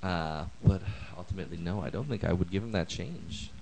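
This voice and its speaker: A young man with a very low voice hosts a casual podcast chat among friends. He jokes constantly and slips into silly put-on voices. His talk stays loose and playful. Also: fairly quick, gravelly, noisy background. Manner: joking, puts on silly voices. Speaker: podcast host.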